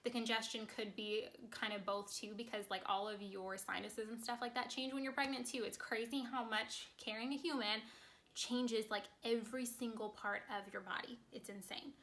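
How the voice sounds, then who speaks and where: A woman talks to her viewers in a quick, chatty vlog, her voice a little raised in pitch and notably bright. She sounds congested and slightly out of breath as the words tumble out fast. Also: fairly even intonation. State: short of breath. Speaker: vlogger. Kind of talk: casual chat to camera.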